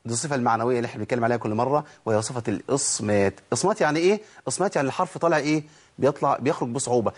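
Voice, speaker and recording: Male Egyptian Quran teacher, quick and somewhat high-pitched, explains by asking and answering himself. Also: breathy edge. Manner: asks questions and answers them himself, demonstrating letter sounds. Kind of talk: audio tajweed lesson.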